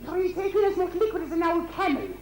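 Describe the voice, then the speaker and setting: In an amateur comic pantomime, a man with a very high, fast, darkish-toned voice plays a gossipy, scolding Irish countrywoman who rambles and exclaims constantly. The mood is gossipy and exasperated, the speaker is from Ireland, and the stage recording is echoey.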